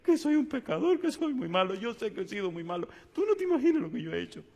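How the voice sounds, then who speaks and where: A man's voice: high voice, sing-song, fast talker, a little mellow, lo-fi sound, voice pushed up, exaggerated voice. A male preacher voicing a guilt-ridden young man who sobs and wails as he speaks, in a reverberant church hall. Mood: sobbing. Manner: wailing, cries through the words.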